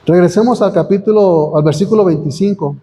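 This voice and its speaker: High-voiced preacher man in a reverberant church. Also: brisk, warm tone. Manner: reads scripture aloud, asks the congregation questions. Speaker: pastor. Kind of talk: sermon. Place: church hall. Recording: long church hall reverb.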